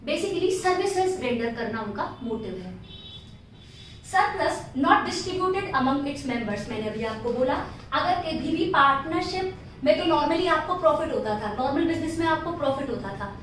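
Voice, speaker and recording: A woman's voice: sits high, lively intonation, moderate pace, a little hiss or hum. A woman with an Indian English accent teaching an accounting class, explaining step by step and answering her own questions. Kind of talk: classroom lecture. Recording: echoey room, distant from mic.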